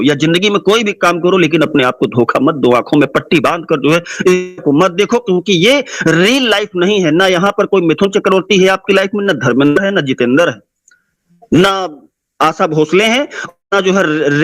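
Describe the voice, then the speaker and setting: Man, motivational speaker, impassioned and repetitive, high voice, dry close sound. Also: a bit bright, no echo. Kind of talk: motivational speech.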